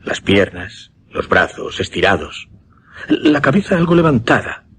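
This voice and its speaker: The actor's male voice is mid-range, sing-song and a bit bright, voicing a solemn hypnotist who narrates a macabre experiment in a Spanish radio drama. Expect a Castilian accent, measured dramatic pauses, a little hiss or hum, and a grave, suspenseful feel.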